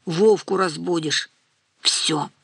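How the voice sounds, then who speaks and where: A woman's voice: slow pace, creaky, slightly rough, no room sound, studio quality, full character voice. A woman voicing a middle-aged mother at her wits' end, speaking sharply in a raised, strained voice. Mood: angry. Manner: sharp, shouting, raised pitch.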